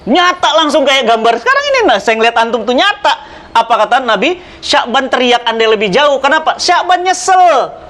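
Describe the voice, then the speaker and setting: A middle-aged man preaching in conversation, telling religious stories with dramatic swings in pitch and loudness and speaking straight to his listener. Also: big pitch swings, brisk. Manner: addresses listener directly, persuasive. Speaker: Islamic preacher. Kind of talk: animated religious storytelling in conversation.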